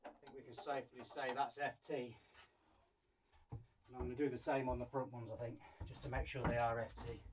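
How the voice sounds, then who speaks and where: A man's voice: mid-range voice, flat delivery, brisk. A man talking to himself as he tightens bolts in a narrowboat engine bay, filming a casual vlog. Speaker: boating vlogger. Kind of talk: casual vlog narration while working. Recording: distant voice, loud clanking noise.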